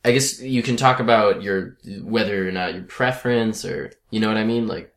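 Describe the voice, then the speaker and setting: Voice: medium pitch, moderate pace. A young podcast host chatting casually, playful and hesitant, full of fillers. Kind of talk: casual chat.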